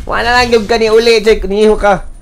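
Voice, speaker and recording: A young man giving excitable live commentary on his own gameplay, often shouting and laughing as he talks to teammates. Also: sits high, a little fast. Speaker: game streamer.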